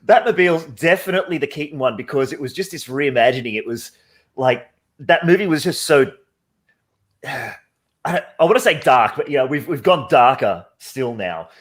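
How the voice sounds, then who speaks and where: A man's voice: medium pitch, animated, normal speed. A man, a guest artist, telling a rambling story in casual chat. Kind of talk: casual chat on a video call.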